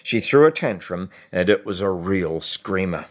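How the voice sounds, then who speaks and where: A man with a low voice narrates a short story as a scripted audiobook, reading in a measured, expressive manner with deliberate pauses.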